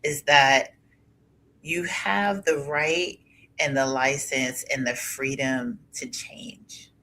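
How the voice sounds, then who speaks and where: A woman talking in a casual live chat, animated and quick to laugh, acting out her own past thoughts as she speaks. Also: extremely low pitch, slight background noise, poor audio. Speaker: co-host in a live conversation.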